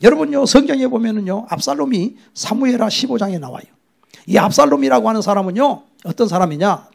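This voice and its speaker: A middle-aged male pastor preaches a sermon in a high, lively voice whose pitch swings widely. Gravelly and husky in tone, he tells the story dramatically and sometimes drops to a whisper.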